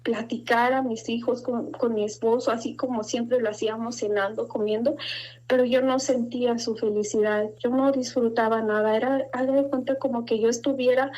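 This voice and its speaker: A middle-aged woman giving an earnest, halting personal testimony of faith and fear, her voice rising as she recalls her fears. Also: on the high side, darkish tone. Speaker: guest giving a religious testimony. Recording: dull lo-fi sound.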